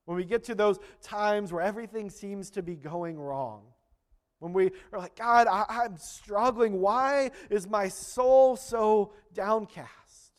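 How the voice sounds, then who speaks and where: High-voiced earnest male pastor. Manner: earnest, swells louder on scripture and prayers. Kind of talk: sermon.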